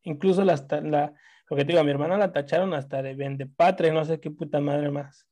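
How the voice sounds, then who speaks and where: A fairly high-voiced man, chatting about football on a talk show. He is animated, swears casually and often breaks off to restart a sentence. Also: a little fast. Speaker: sports talk show host. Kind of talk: casual sports chat.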